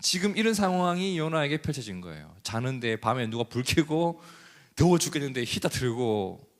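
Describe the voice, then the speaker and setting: A male pastor delivering a sermon in a church, animated and asking the congregation questions. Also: mid-range voice, moderate pace, big-room sound.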